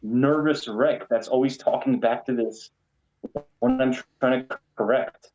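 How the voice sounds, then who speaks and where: A man's voice: mid-range voice, measured pace, darkish tone. A man calling in over a video call that keeps breaking up, rambling casually with lots of filler "likes". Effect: choppy audio breaking up. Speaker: call-in guest. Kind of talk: casual chat. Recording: dull lo-fi call audio.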